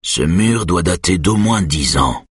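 A calm, steady man, voiced by a male narrator in an audiobook thriller, speaking slowly and deliberately. The voice is low and husky, and the sound is dry. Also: dry recording, exaggerated voice.

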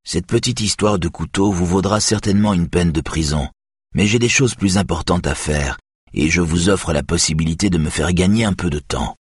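A man voicing a calm male detective who speaks in a grave, steady way. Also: low-pitched, moderate pace, breathy edge, dry recording, studio quality.

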